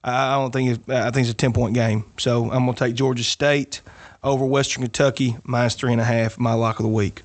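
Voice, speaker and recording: A man's voice: medium pitch, flat delivery, no echo. Man, podcast co-host, boastful joking betting talk, dry close sound. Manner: boastful, joking, drawn-out picks. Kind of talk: casual sports betting chat.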